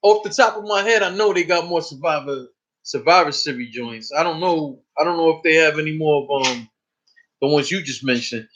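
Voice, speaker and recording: A man's voice: on the high side, a little fast, a bit bright. A man hosting a casual live stream, talking loosely and profanely, often repeating himself. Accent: New York. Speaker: host. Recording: dull lo-fi stream audio.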